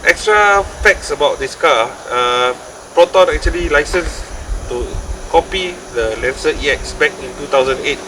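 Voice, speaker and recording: A man's voice: fairly high pitch, normal speed. A man with a Singaporean accent speaking casual Singlish, like a host of an amateur car review. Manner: speaks Singlish with lah, leh and sia particles. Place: outdoors at night. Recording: noisy outdoor sound, distant mic, insects and traffic.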